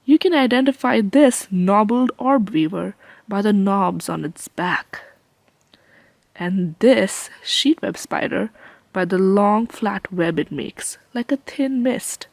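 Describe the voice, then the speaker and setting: A woman giving playful, measured educational narration for children as a nature presenter. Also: mid-range voice, gravelly, a little mellow, no echo.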